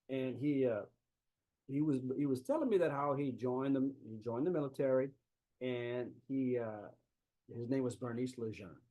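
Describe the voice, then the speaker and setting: This South Louisiana man, an author and historian, has a medium-pitched, warm voice and a somewhat slow, lively delivery. His easygoing, folksy remote lecture comes through a laptop microphone on a video call, and the recording quality is low.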